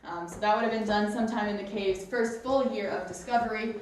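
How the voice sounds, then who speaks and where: A woman's voice: mid-range voice, steady tone, a little fast. A woman working as a cave guide, giving a casual, explanatory tour talk to a group inside a cave. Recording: very echoey cave, distant mic, faint noise.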